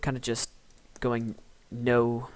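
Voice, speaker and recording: A teenage boy on a live stream speaks at medium pitch in a completely flat, slow voice, recorded dry. Chatting casually, he bluntly roasts commenters while stuttering, rambling, and restarting his sentences often.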